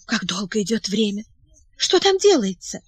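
A woman's voice: mid-range voice, very animated, moderate pace, husky, no room sound. A woman reading the part of an anxious, tearful young princess who pleads and asks breathless questions.

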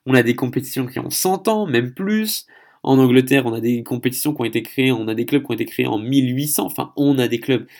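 A man's voice: mid-range voice, fast talker, gravelly, hardly any pauses, darkish tone. A man hosting a solo podcast episode, speaking in a chatty, hesitant way and stumbling over foreign names. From France. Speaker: podcast host.

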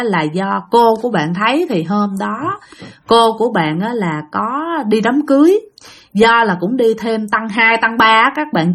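A woman's voice: a little high, fairly bright tone. A woman with a Southern Vietnamese accent telling ghost stories in a casual, chatty way, often speaking straight to her listeners. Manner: chatty, addresses listeners directly. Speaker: storyteller host. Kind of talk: casual spoken ghost-story narration.

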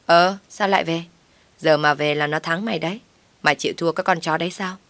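A woman's voice: deep voice, steady tone, fairly quick, a bit bright, dry recording. A woman voicing a hot-headed, foul-mouthed young woman friend who talks brashly. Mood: outraged. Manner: cursing, brash.

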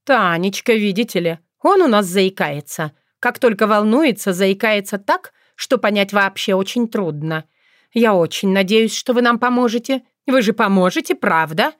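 A woman's voice: mid-range voice, expressive, normal speed, dry recording, clean studio sound, close to an everyday voice. A woman voicing an elderly fox grandmother who sounds sugary and then snaps into stern, domineering commands. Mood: gracious. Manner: honeyed then sharply bossy. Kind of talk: audiobook character voice.

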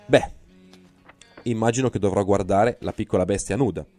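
A man's voice: fairly low pitch, moderate pace, a little mellow, no room sound, soft background music, natural voice. A man voicing an irritable, squeamish male hospital doctor in an audiobook reading, snapping out his orders. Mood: disgusted. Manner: snappish, disgusted.

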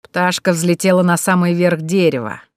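Menacing male bandits from an audiobook, put on by a woman narrator. The voices come out louder and more forceful, threatening and leering. The recording is dry and close. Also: lowish voice, moderate pace, no room sound, close to an everyday voice.

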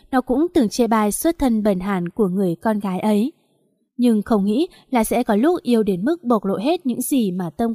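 A woman reading a novel aloud as narrator, in a steady, even storytelling manner. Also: a little high, dry recording, clean studio sound. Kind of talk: scripted audiobook narration.

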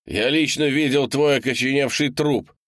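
A man's voice: normal speed, a bit bright, no echo, clean studio sound, natural voice. Man playing a tense, frightened archaeologist. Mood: angry. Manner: tense, low-voiced.

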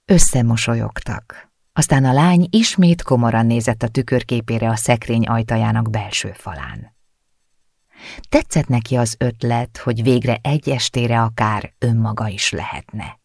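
Gravelly male audiobook narrator. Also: medium pitch, darkish tone, no echo, studio quality. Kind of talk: scripted narration.

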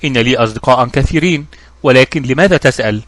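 A man voicing a composed, genteel middle-aged mother in a storybook reading, explaining things calmly. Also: medium pitch, quick pace, no room sound, lightly acted.

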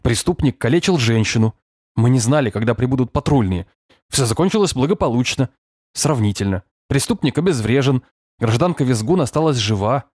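A man voicing a stubborn young male police detective who reports in a steady, grumbling way. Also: mid-range voice, fairly quick, no echo, clean studio sound, natural voice. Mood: defensive.

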